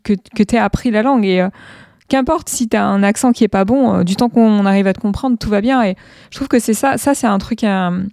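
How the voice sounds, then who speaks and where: A woman hosts an interview in a relaxed, conversational way and shares personal anecdotes. Her voice is warm and mellow, with a medium pitch. The sound is dry and close, with no room echo. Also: fairly quick. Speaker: interviewer, account host. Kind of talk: casual interview chat.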